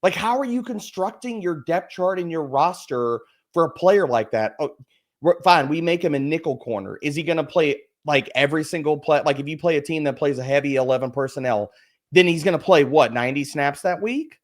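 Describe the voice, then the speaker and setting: On a fantasy football podcast, a man with a somewhat high voice rants at a fairly quick clip, stacking up rhetorical questions. He's emphatic and swears freely, though the chat stays relaxed and casual.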